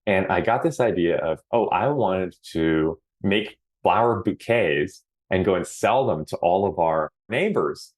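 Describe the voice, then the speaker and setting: A man from Hawaii with a notably low, deep voice, speaking as a podcast guest. He sounds earnest and reflective, stretching out the words he wants to stress. He is middle-aged and relaxed in a casual interview. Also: a little slow, few pauses.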